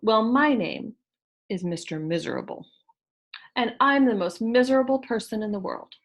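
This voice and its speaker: A woman's voice: a little high, expressive, normal speed. A woman voicing a gloomy, self-pitying little man in a children's storybook reading, mopey and sulky. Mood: glum.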